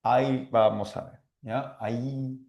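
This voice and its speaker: A man's voice: medium pitch, fairly even intonation, takes it slowly, creaky, a little mellow, roomy sound, muffled recording. A man teaching literature in an online class, stretching out words as he dictates verses and playfully imitating confused students.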